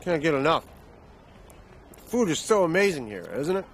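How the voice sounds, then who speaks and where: A man's voice: a little high, big pitch swings, moderate pace. An actor dubbing a middle-aged single father who dodges his daughter's questions, in an English dub of a TV drama. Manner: gruff and evasive, brushing off questions. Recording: faint background noise.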